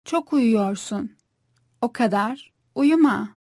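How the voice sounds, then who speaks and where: A woman's voice: a little high, lively intonation, slow, a little mellow, no room sound, clean studio sound. A woman carefully repeating short phrases for a language course. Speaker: Turkish phrase reader. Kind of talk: scripted phrasebook reading.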